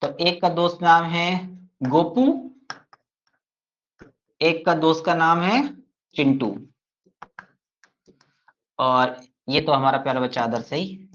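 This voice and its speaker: A man's voice: a little high, takes it slowly, long pauses, fairly bright tone, highs cut off. A man teaching an online grammar class, playful and teasing his students as he explains. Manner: addresses students fondly as kids.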